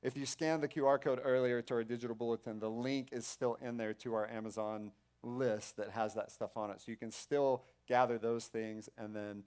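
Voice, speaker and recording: Smooth-voiced man hosting at church. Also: medium pitch, steady tone, darkish tone. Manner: halting, many fillers and restarts. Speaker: church host. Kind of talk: casual stage announcements. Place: church sanctuary stage.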